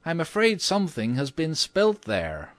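Man putting on a high-pitched, fussy lady. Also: wildly swooping pitch, a little slow, dry recording. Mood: concerned. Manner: exclamatory, indignant. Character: fussy, imperious American lady of the house. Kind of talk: audiobook character voice.

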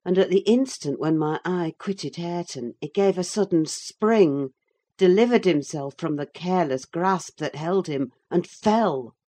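A woman narrates a classic novel in the first person. Her voice is low and her pace unhurried and measured. The reading is expressive without rushing. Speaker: audiobook narrator.

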